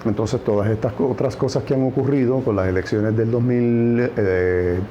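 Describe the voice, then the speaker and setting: A man's voice: mid-range voice, fairly even intonation, moderate pace, dark tone, lo-fi sound, a little hiss or hum. A man with a Puerto Rican accent giving political commentary on a news program, stressing points by repeating words. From Puerto Rico.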